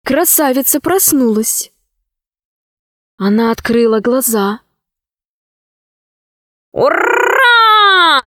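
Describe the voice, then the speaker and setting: A woman reading a children's fairy tale aloud in a slow, expressive way. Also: a little high, no echo, studio quality. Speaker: narrator.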